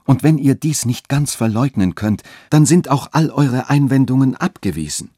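A man's voice: medium pitch, expressive, normal speed, a little mellow, slightly rough, no room sound, clean studio sound, pitched above the performer's own voice. A man voicing a passionate young lover who pleads fervently and urgently. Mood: pleading ardently.

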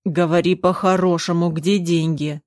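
A woman voicing a drunk, frenzied young man who shouts and threatens, demanding money. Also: lowish voice, fairly even intonation, normal speed, dry recording, clean studio sound, natural voice. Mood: furious. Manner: shouting, menacing.

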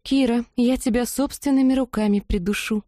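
Nervous young elf bride and healer, soft and mellow, woman voicing. Dry read. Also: a little high, steady tone, normal speed, dry recording, pitched above the performer's own voice, natural voice. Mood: anxious.

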